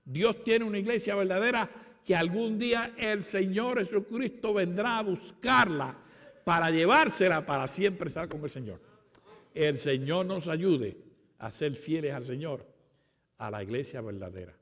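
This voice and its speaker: A man's voice: sits high, a little slow, fairly bright tone. A Puerto Rican man preaching a sermon at a conference, with emphatic, repeated declarations. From Puerto Rico. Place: conference hall. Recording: long hall reverb.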